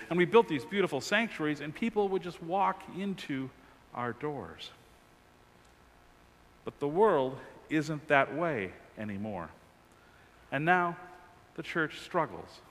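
Man, 40s, pastor preaching, emphatic, very animated pitch, long church echo. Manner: emphatic preaching with wide swings of pitch and volume, gesturing. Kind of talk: sermon. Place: large church sanctuary, at a lectern.

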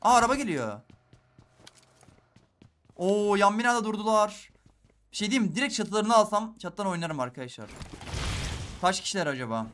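Bright, high-voiced young gamer. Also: male voice, normal speed, long pauses. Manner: excitable, talks to viewers while playing, swings between hushed and loud. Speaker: gaming YouTuber. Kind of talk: live gameplay commentary.

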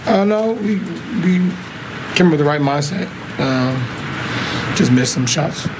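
A man in his thirties, a basketball player giving short, low-key answers at a postgame press conference into a table mic. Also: lively intonation, slow pace, very noisy. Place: press conference room in front of a sponsor backdrop. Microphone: table microphone in front of him.

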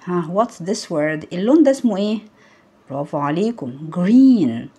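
A woman's voice: lowish voice, sing-song, brisk, warm tone, breathy edge. A woman with an Egyptian Arabic accent teaching English to young pupils in a recorded lesson, quizzing them and praising their answers. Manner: asks the children questions and praises them. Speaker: primary school English teacher.

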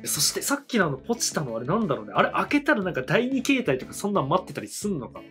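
Soft music plays in the background as an anime reaction host in his thirties talks rapid-fire, his high voice swinging hugely in pitch with a fairly bright tone. He thinks aloud in a small indoor studio, offering quick reactions and laughs in casual commentary.

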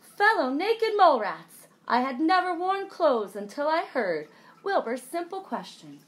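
A woman's voice: high voice, big pitch swings, a little slow, pitched above the performer's own voice. A woman voicing a wise, regal old male naked mole rat grandfather who makes a proclamation in a heroic voice. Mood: proclaiming.

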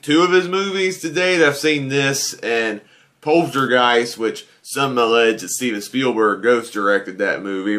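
Seated at a desk webcam in front of an indoor green screen, a guest movie reviewer in his thirties gives a casual, earnest spoken film review. He's conversational and leans on fillers like "you know," and his mid-range voice comes across bright and forceful.

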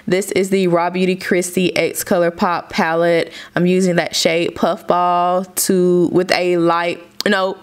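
A young woman casually narrating her makeup routine step by step, chatty and relaxed. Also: lowish voice, a little slow, hardly any pauses. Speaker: beauty vlogger. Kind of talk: makeup tutorial voice-over.

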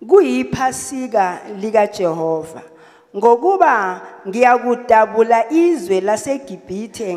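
Woman reading scripture in a ringing hall. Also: fairly high pitch. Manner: steady, measured reading aloud. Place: church hall indoors. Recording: reverberant church hall.

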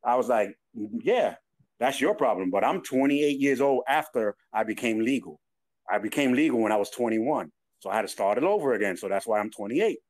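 This twenty-something New Yorker, a podcast co-host, chats casually and tells stories, quoting others amid lively laughter. He speaks fairly quickly in a mid-range voice.

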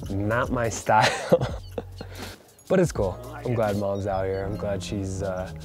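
A man's voice: fairly low pitch, fairly even intonation, slow, faint music behind. A man hosting an outdoor vlog, narrating casually and with enthusiasm from a mountain campsite into a handheld camera mic. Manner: chatty, enthusiastic. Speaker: vlog host.

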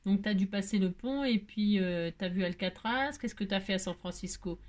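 A woman's voice: medium pitch, moderate pace, darkish tone. A woman craft vlogger chatting to her viewers while opening mail, effusive and gushing, repeating her exclamations and often trailing off to restart. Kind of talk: casual chat to viewers.

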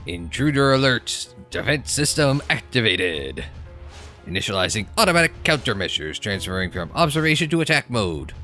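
A man's voice: mid-range voice, very animated, moderate pace, sharp tone, faint music behind. A man reading out a stern security robot. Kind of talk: let's play commentary, reading game text aloud.

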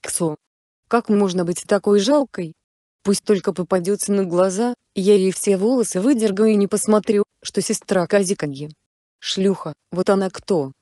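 A woman voicing a young fiancée who is hurt and fierce, sharp when angry. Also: mid-range voice, moderate pace, no echo, studio quality, close to an everyday voice. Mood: furious. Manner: cold then furious.

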